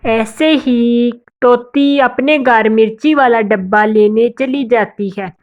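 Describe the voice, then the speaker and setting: A woman's voice: a little high, slow, lo-fi sound. A woman narrating a cartoon bird story in simple storytelling style.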